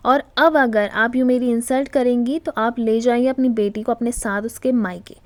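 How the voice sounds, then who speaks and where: A cheeky middle-aged son-in-law, always joking and bantering with the family, as a woman narrator puts him on. The voice stays fairly high. It sounds dry and close, with no room around it. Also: fairly even intonation, normal speed, dry recording, lightly acted.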